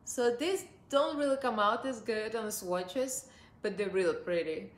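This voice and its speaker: A woman in her forties from Russia reviews makeup while sitting on her living room sofa, a beauty vlogger with a Russian accent who is chatty, upbeat and quick to laugh. The voice is a little high and unhurried, recorded in an echoey room.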